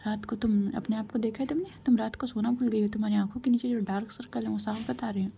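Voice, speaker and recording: A woman doing a soft-spoken loving young woman. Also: a little high, fairly even intonation, fast, vocal fry. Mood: pleading. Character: young woman, loving, gently reassuring partner.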